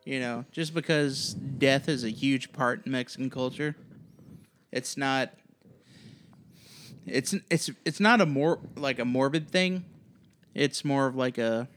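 A man's voice: mid-range voice, unhurried, pauses often, a bit bright, a little hiss or hum. A man co-hosting a podcast in casual chat, easygoing and heartfelt. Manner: easygoing, heartfelt, calls people dude. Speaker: podcast co-host.

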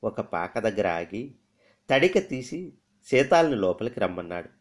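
A man with a low-pitched voice reads a story aloud. He is expressive, lifting and dropping his pitch and volume to dramatize the telling. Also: a little slow. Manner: expressive, shifting pitch and loudness for emphasis.

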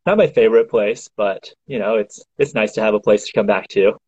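Guy in his 30s from china on a video call, husky, dull lo-fi sound. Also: fairly low pitch, brisk, darkish tone, dry recording. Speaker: podcast guest. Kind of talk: casual interview chat.

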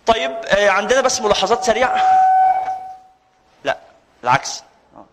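A man's voice: high-pitched, sing-song, brisk, very noisy. A man with an Egyptian accent, a sheikh giving a live lecture to a room full of students, joking and teasing his audience between points. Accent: Egyptian Arabic. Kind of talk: live religious lecture with banter. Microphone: handheld or stand mic, with some feedback whistle.

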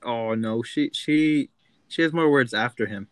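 A man's voice: mid-range voice, a little slow, very noisy. A man co-hosting a podcast in casual banter, playful and laughing as he coaxes his co-host. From outside the United States.

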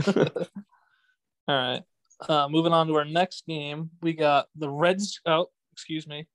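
A man's voice: on the high side, fairly even intonation, a little slow, no echo, low-quality recording. A young man hosting a casual sports podcast, rambling with restarts and laughing often. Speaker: podcast host.

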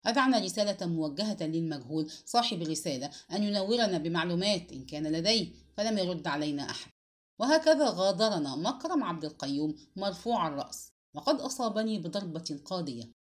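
A woman's voice: lowish voice, fast. A woman giving a dramatic first-person audiobook narration. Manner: expressive, dramatic storytelling.

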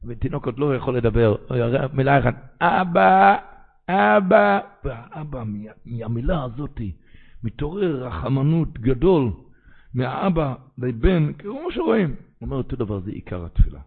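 A man who is a rabbi, giving a Torah sermon with animated preaching and sudden cries. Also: medium pitch, creaky, husky, phone-quality sound.

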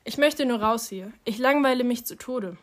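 A woman's voice: a little high, normal speed, close to an everyday voice. A woman reading an audiobook, voicing a brooding fifteen-year-old boy who questions and pushes back in a sullen way. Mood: frustrated.

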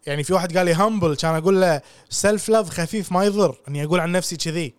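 A fast, animated man, chatting casually as a podcast co-host. His voice sits a little high and often drops into English phrases. The sound is dry and close, with no room around it. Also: smooth, dry recording.

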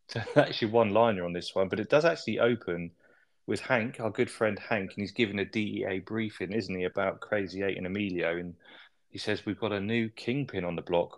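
A man with a deep voice, easygoing as he hosts a casual recap chat. He often ends remarks with a tag question. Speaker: podcast host.

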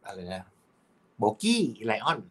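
A young man, a songwriter guest on a podcast, talking casually in a halting way with lots of fillers. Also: on the low side, slightly rough. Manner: relaxed, halting, with many fillers and restarts.

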